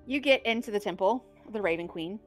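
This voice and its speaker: A woman's voice: medium pitch, fast, faint music behind. A woman narrating a tabletop game as game master, in a loose, rambling way with frequent restarts.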